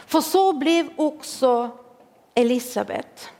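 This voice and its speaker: A woman's voice: high voice, darkish tone. A woman in her forties preaching a sermon to a congregation, humorous and self-mocking, laughing along with the listeners. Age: 40s. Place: church hall. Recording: long hall reverb.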